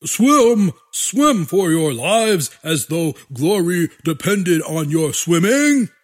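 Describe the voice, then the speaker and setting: A man's voice: high voice, big pitch swings, slow pace, full character voice. A man voicing fanatical human generals who scream pompous, circular orders. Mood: ranting. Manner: bombastic, shouting.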